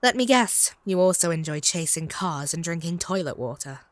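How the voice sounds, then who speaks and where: A woman's voice: fairly low pitch, expressive, normal speed, dry recording, natural voice. A woman playing a possessive, haughty female vampire in a comedic roleplay audio drama, taunting and doting in a theatrical way. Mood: mocking.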